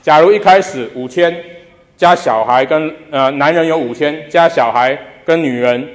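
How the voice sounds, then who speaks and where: A man's voice: fairly high pitch, normal speed. A man preaching a sermon as pastor, putting rhetorical questions to the congregation and repeating phrases for emphasis. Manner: emphatic repetition. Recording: long reverb of a large hall.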